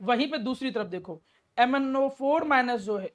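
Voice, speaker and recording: Expressive and speaking at normal speed, a woman with a fairly high voice teaches chemistry in a classroom lecture, going step by step. She answers the questions she poses herself and addresses the student with affection.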